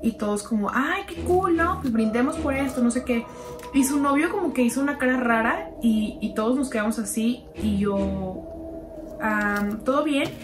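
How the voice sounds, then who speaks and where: A woman's voice: a little high, expressive, moderate pace, over music. A young woman telling a gossip story in a chatty, confiding way, as if talking to a close friend. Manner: chatty, confiding, keeps calling the listener "sister". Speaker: storytime narrator. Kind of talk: gossipy storytime narration over a slime video.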